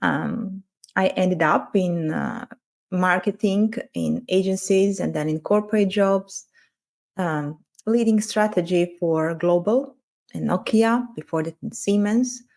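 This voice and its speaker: A woman's voice: on the low side, slow pace, creaky, a little mellow. Woman coach, reflective podcast talk. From Croatia. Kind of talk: casual podcast conversation.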